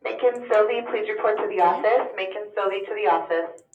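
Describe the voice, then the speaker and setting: A woman's voice: medium pitch, a little fast. A woman's voice comes over a school intercom, making a brief, formal page. The sound is thin and phone-like, with a lot of room echo, and it is heard from a distance away from the mic. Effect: over a school intercom loudspeaker. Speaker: school office staff. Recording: tinny echoey loudspeaker from far off.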